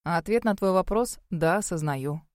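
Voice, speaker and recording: A woman's voice: fairly low pitch, normal speed, a little mellow, dry recording, studio quality, close to an everyday voice. A woman doing a cheeky cursed young man. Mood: good-natured. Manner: easygoing, cheeky. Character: good-natured young man under a curse, not fully human.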